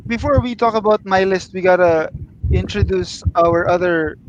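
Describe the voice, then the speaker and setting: A man's voice: sits high, moderate pace, muffled recording. A man co-hosting a casual podcast chat in a playful, theatrical manner. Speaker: podcast co-host.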